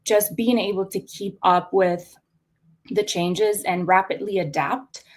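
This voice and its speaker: A young adult woman from Costa Rica, an artist guest in an interview, speaking thoughtfully with many pauses and fillers. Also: medium pitch, fairly even intonation. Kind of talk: conversational interview.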